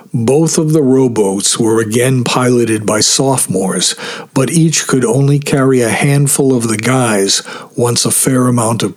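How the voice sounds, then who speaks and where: A man reading a story aloud as narrator in a steady storytelling manner, voicing the characters lightly. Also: mid-range voice, slightly rough. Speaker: audiobook narrator. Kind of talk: scripted narration.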